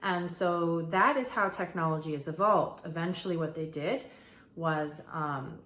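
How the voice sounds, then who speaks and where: Recorded in an echoey, roomy space, this host of a manifestation and meditation channel speaks with a low-pitched, fairly bright voice. She gives an informal spiritual explainer, addressing viewers in a chatty, emphatic style and repeating phrases for emphasis.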